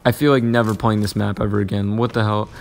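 A young man casually commentating his own mobile game, muttering to himself with sudden excited yelps and growing frustration. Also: lowish voice, fast, creaky, faint music behind. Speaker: gaming channel host.

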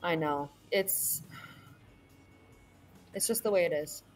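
Soft music plays in the background as a woman in her thirties talks slowly in a lowish voice on a webcam video call from home. She's a panel guest, born in California and raised in Virginia, who laughs easily and uses many ums in casual conversation.

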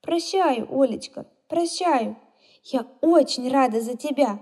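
A woman's voice: high-pitched, lively intonation, takes it slowly, mellow, slightly rough, full character voice. A woman voicing a kind, caring aunt in a children's storybook reading.

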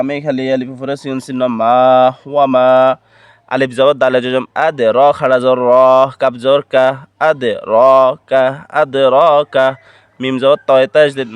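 Male Quran teacher, Bangladeshi Bengali accent, steady monotone syllable drilling, dry close sound. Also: medium pitch, smooth, dry recording. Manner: rhythmic, repetitive, measured syllable drilling. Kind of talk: spelling out letters and syllables slowly for learners.

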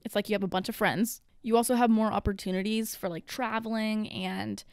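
A young woman in her twenties talks through a solo podcast episode in a loose, rambling way, full of "like" and the occasional swear. She sounds a little out of breath. Her voice is smooth and clear, recorded close and dry with no room sound. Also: mid-range voice, fairly even intonation, brisk, dry recording. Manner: chatty and rambling, with many fillers and casual swearing. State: out of breath from caffeine. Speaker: podcast host. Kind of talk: casual solo podcast monologue.

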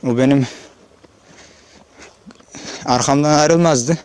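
A man's voice: mid-range voice, slow, darkish tone, clear, resonant tone. A man from Turkey, a shepherd, chatting casually to his viewers while out on an open pasture and filming with his own camera. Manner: chatty, addresses viewers directly, calls out to animals. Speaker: shepherd vlogger. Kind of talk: casual outdoor vlog narration. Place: open hillside pasture outdoors. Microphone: handheld or body-worn camera.

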